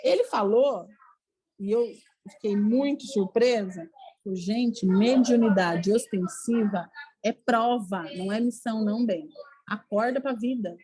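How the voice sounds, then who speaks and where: A woman leading a spiritist study group in a casual, animated talk, acting out little dialogues and often checking in with her listeners. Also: on the high side, measured pace, poor audio. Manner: animated, acts out little dialogues, says "né, gente?" a lot.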